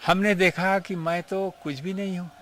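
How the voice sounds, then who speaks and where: Older guy, swami telling old guru stories, earnest, kinda high bright voice. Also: steady tone, moderate pace, a little hiss or hum. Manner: emotional, earnest storytelling, mixing in English phrases. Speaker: swami recalling his guru. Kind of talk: reminiscing interview.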